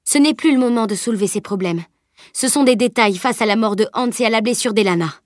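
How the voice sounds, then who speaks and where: A woman's voice: on the high side, quick pace, no echo, studio quality, voice pushed up, natural voice. A woman reading the part of a determined teenage girl in an audiobook, earnest and resolute. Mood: urgent.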